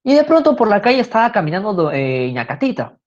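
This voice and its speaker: A woman's voice: medium pitch, very animated, fast talker, a little mellow, lo-fi sound. A woman telling a story in a casual, conversational way. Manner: conversational, with fillers and restarts.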